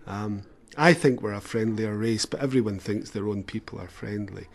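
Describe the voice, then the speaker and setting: A man's voice: fairly low pitch, moderate pace, gravelly. A man from Scotland, speaking earnestly in a casual chat and repeating words as he starts.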